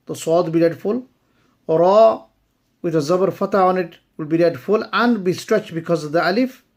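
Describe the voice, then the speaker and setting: A woman teaching recitation, chanting verses slowly and then explaining pronunciation rules in brisk spoken asides. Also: medium pitch. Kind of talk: slow tajweed lesson.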